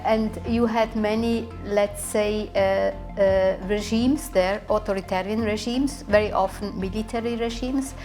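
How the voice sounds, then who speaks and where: A woman's voice: medium pitch, a little mellow. A woman in her sixties, a diplomat, answering an interview question in a hesitant way with many fillers and restarts.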